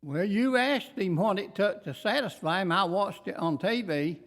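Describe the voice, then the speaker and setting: A man's voice: high voice, lively intonation, moderate pace, fairly bright tone. An older man with an Appalachian accent making a public comment at a county meeting in a folksy, plain-spoken rural way. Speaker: local resident addressing the court. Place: large public meeting room. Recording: echoey meeting hall.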